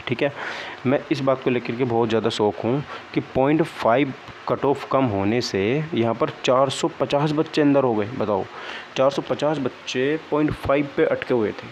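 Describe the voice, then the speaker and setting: Talking to viewers in a relaxed, explanatory way, this young man has a mid-range voice and works as an exam-prep vlogger. He comes across as let down and downcast, often checking in with small "okay, right" tags. The sound is lo-fi and dull, with faint background noise.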